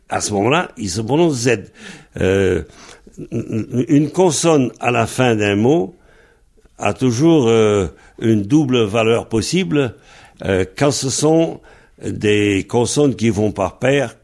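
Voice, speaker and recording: A man's voice: medium pitch, lively intonation, slow pace, darkish tone. A man teaching Breton pronunciation, patiently spelling words out letter by letter. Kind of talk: slow spelled-out language lesson.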